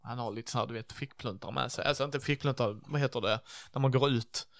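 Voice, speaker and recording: A man playing a character in a role-play game, telling animated, swear-filled stories about the old days. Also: mid-range voice, gravelly, dry recording. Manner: animated storytelling, lots of swearing. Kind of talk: in-character reminiscing chat.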